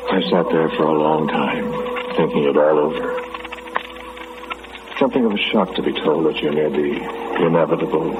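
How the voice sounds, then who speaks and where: A male actor in an old radio drama narrator manner, playing a fearful, brooding man facing death, grave and deliberate, on a tinny, noisy recording. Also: very deep voice.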